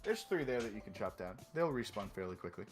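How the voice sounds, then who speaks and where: A man's voice: lowish voice, very animated, quick pace, soft background music. A man co-hosting a gaming stream, patiently walking his partner through the game with lots of filler words. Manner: patient, instructive, with many fillers. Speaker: co-host guiding a game. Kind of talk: casual gaming stream chat.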